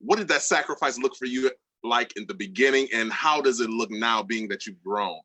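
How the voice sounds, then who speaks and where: A male podcast host asks his guest questions in a bright, forceful voice. The sound is dry and close. He opens with appreciative remarks, then searches for his words with small restarts. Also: medium pitch, normal speed, slightly rough, no echo, low-quality recording. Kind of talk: casual interview questions.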